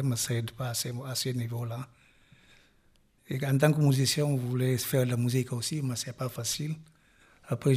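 Middle-aged guy, husky voice, halting, keeps restarting and trailing off. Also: mid-range voice, darkish tone. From Guinea-Bissau. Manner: halting, restarts phrases, drops off at line ends. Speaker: interviewee, refugee musician. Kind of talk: casual interview talk.

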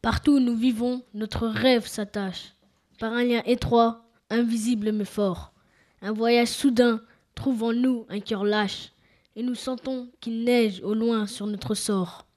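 A woman reciting a poem in a slow, deliberate way. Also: fairly high pitch, fairly even intonation, a little mellow. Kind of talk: poetry reading.

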